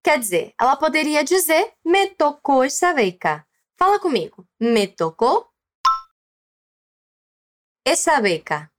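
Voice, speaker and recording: A woman with a Brazilian Portuguese accent hosts a language lesson podcast as a Spanish teacher, urging the listener to repeat after her. Her voice sits high and is very animated, yet she takes things slowly with long pauses.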